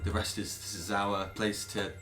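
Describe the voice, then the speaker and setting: A man chatting casually as a player in a tabletop game, wry, wordy and a little halting. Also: lowish voice, flat delivery, sharp tone, soft background music.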